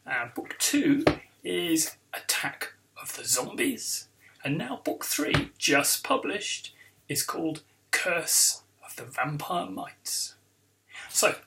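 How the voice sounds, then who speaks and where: A man, the author, reading aloud from his children's book with expressive storytelling. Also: fairly high pitch, vocal fry, slight background noise. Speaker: author and illustrator.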